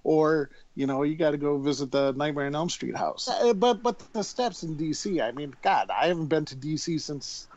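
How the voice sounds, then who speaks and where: A man, a writer and producer guest, chatting excitedly on a podcast, stumbling and repeating words. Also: a little high, normal speed, hardly any pauses, dull audio. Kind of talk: casual podcast chat.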